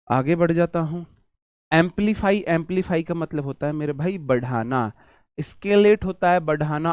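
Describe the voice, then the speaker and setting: A man's voice: on the high side, no room sound, studio quality. Chatty male vocabulary teacher. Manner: chatty, jokey, answers imagined student questions. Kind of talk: online exam-prep lesson.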